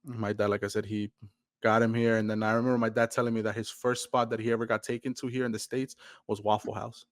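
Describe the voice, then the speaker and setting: Laid-back low-voiced man, rambling chat. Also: flat delivery, fast talker, no echo, clean studio sound. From Mexico. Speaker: podcast co-host. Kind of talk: casual chat.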